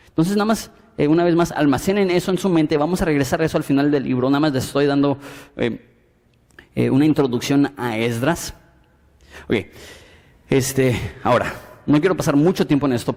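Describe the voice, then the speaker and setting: A man's voice: fairly high pitch, in a large hall. A man preaching a Bible study sermon, acting out dialogue and reading scripture aloud. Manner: animated, acts out dialogue and reads scripture aloud. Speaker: pastor.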